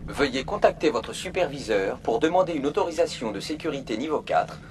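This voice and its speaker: In a French video game dub, a man voices a polite, emotionless virtual assistant program reading out information in a formal, procedural, impassive way. His natural voice is fairly high with lively intonation and a fairly quick pace, plus a little hiss or hum.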